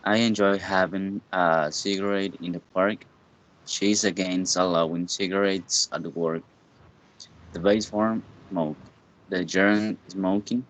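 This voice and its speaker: Very slow deep-voiced male reader. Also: a bit bright, dull audio. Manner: slow, careful reading. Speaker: student reading aloud. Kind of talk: reading example sentences aloud.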